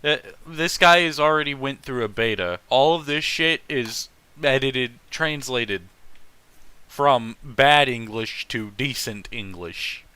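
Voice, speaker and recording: A male host reads fan fiction aloud, stopping for animated, opinionated, profane casual commentary. His mid-range voice is clean and slow-paced, with no room sound.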